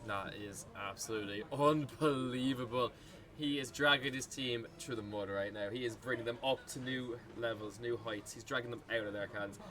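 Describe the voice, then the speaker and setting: A man with an Irish accent doing relaxed, analytical esports co-commentary at a live event. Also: medium pitch, moderate pace. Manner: relaxed analytical color commentary, admits slips. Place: gaming arena venue. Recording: loud crowd behind at a live event.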